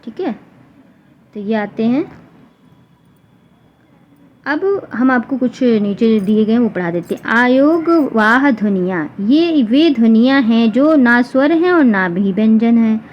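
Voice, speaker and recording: A woman teacher explaining a grammar lesson for exam students, repeating example sounds slowly one by one. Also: fairly high pitch, lively intonation. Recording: dull lo-fi recording with faint noise.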